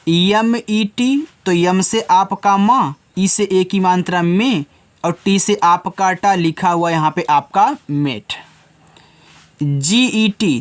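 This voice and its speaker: With a high voice, a man teaching English takes children through a phonics lesson, going slowly and spelling each word letter by letter. He is patient and refers to the learners as children.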